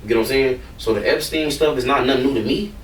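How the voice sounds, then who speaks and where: A man's voice: medium pitch, quick pace, reverberant, far from the mic, a little hiss or hum. A man, a rapper, talking casually and bluntly in an interview, rambling and swearing freely.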